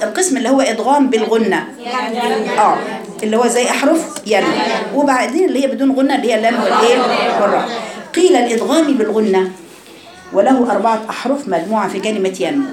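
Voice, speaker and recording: A woman's voice: fairly high pitch, echoey room. A woman with an Egyptian accent teaching a class on Quran recitation, asking her students questions and demonstrating sounds. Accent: Egyptian Arabic. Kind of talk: classroom lesson.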